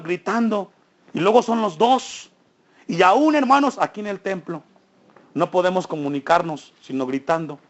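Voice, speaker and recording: High-voiced pastor preaching. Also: male voice, highs cut off. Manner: asks the congregation questions, preaching with rising emphasis. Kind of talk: sermon. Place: church.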